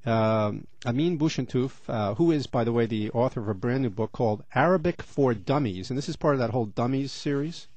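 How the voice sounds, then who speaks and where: A man's voice: mid-range voice, lively intonation, fairly quick, few pauses, darkish tone, dry recording. A middle-aged man hosting a radio interview, chatty and rambling with many fillers. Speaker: radio host.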